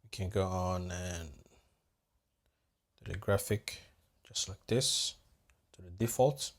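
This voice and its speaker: A deep-voiced audio-visual technician takes things slowly in this hands-on audio tutorial. Addressing viewers as "guys," he talks casually and thinks out loud as he adjusts his equipment.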